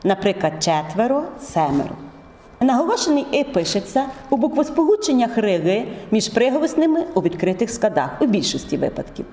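A woman teacher explaining spelling rules step by step, in a measured, methodical way. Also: fairly high pitch, sing-song, mellow, slight background noise. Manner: measured, methodical, drawn-out words. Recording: echoey room with long reverb.

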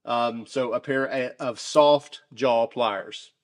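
Off camera, a man with a medium-pitched voice reviews shop tools slowly and casually, his chatty, relaxed talk full of fillers and restarts.

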